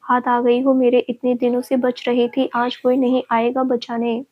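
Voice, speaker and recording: A playful young groom who teases his new wife affectionately, read out by a woman storyteller. The voice sits fairly high and stays level, with little rise and fall. Read as a spoken storybook. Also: monotone, normal speed, lo-fi sound, lightly acted. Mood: teasing warmly. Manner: teasing, affectionate.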